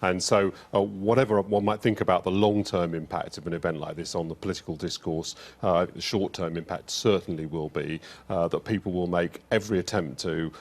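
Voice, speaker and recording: A man commenting on politics as a studio guest. His low voice moves through a careful argument, filled with pauses as he picks his words. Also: steady tone. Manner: deliberate, reasoned, many "uh" pauses.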